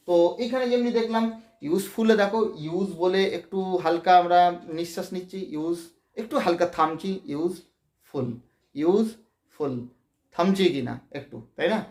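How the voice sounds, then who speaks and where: A man with a Bengali accent teaching English grammar, explaining patiently, saying words slowly and checking that students follow. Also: high-pitched, roomy sound. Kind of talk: classroom grammar lesson.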